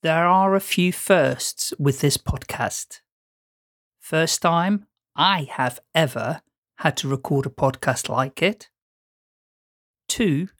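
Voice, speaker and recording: A man hosting a podcast, reading a scripted introduction in a deliberate, announcing way. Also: fairly high pitch, no room sound, clean studio sound. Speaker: podcast host.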